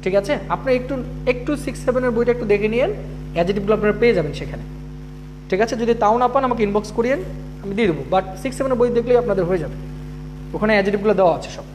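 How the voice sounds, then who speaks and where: Man, grammar teacher, high voice, repeats rules and checks in, humming noisy recording. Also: lively intonation, racing. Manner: repeats rules patiently, checks in with students often. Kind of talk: live online class.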